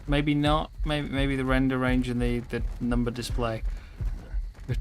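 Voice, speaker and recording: A man's voice: mid-range voice, fairly even intonation, a little slow, a little hiss or hum. A tired man streaming a survival game live, rambling through casual commentary with frequent ums and self-corrections. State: tired and yawning.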